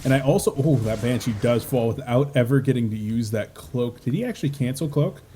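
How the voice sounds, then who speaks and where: A man doing casual play-by-play commentary on a video game match, relaxed and chatty with lots of filler words. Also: mid-range voice, fairly quick, a little hiss or hum. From United States. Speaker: esports caster.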